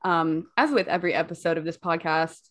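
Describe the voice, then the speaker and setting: A woman's voice: deep voice, a little fast, a bit bright. A hungover young woman co-hosting a podcast, chatting casually and telling stories in a candid, self-mocking way with loose swearing. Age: young adult. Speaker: podcast co-host.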